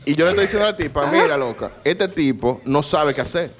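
A man's voice: fairly high pitch, expressive, fast, music in the background. A young man, rambling through a story in slangy casual chat as podcast co-host.

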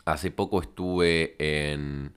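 A man with a Rioplatense Spanish accent telling a rambling comic story in a deadpan way. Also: very deep voice, extremely slow, clean tone. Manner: deadpan, rambling, absurd tangents. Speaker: podcast host.

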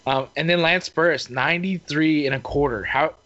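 A man co-hosting a casual fishing show chat, relaxed and rambling with many fillers. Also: fairly high pitch, normal speed. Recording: muffled lo-fi audio.

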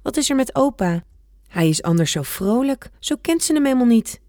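A woman's voice: fairly high pitch, sing-song, moderate pace, warm tone, no room sound, studio quality, pitched above the performer's own voice. A woman voicing a curious, earnest young girl full of questions, reading a children's storybook aloud. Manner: questioning, wide-eyed.

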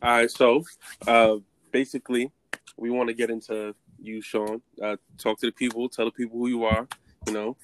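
A man's voice: medium pitch, little pitch movement, normal speed, poor audio. Nasal, level-toned man hosting a podcast. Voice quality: nasal, congested. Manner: informal street slang. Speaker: podcast host. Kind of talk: casual podcast intro.

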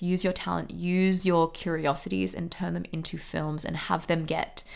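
A woman's voice: lowish voice, creaky. A woman hosting a podcast, talking in an upbeat, enthusiastic way as she introduces the episode and promotes her course. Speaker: podcast host and film coach.

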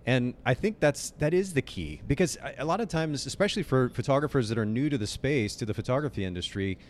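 A man hosting a podcast interview in a conversational style, with low rumbling noise behind his voice. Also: lively intonation, fast talker.

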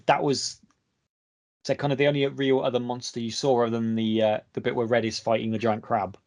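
A young man from England leads a relaxed film review chat with friends. His voice sits at an ordinary middle pitch. He rambles and circles back, leaning on fillers as he thinks aloud. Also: fairly quick. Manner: rambling, filler-heavy, lively.

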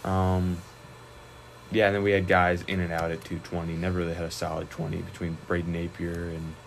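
A young man, a high school wrestler, chatting casually in an interview, relaxed and rambling with many fillers and restarts. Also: brisk, gravelly, a little hiss or hum, low-quality recording.

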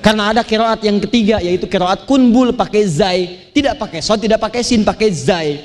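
A man from Banten preaching to an audience, telling lively stories and chanting Quranic verses. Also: sits high, a little fast, a little hiss or hum. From Banten, Indonesia. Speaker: Islamic preacher. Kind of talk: sermon to a live audience.

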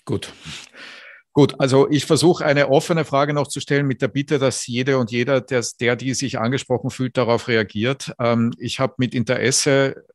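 Dry, deliberate male panel moderator. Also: mid-range voice, flat delivery, no room sound. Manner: deliberate, reads quotes aloud word for word.

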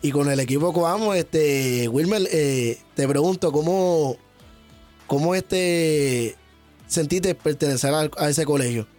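A man hosting an interview, asking questions with many pauses and affirming noises. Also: a little high, a little mellow, soft background music. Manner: frequent backchannels, hesitant questions. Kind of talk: casual interview chat.

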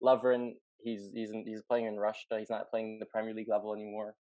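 A man's voice: lowish voice, monotone, fast, warm tone, dry recording, muffled recording. A man co-hosting a casual football chat, thinking aloud and hedging his opinions. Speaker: podcast co-host.

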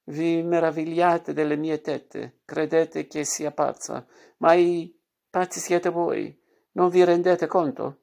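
A man reading a story aloud, putting on a flamboyant, theatrical woman who cries and shouts indignantly. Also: a little high, level tone, slow, vocal fry, voice pushed up. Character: flamboyant woman record collector, theatrical, weepy.

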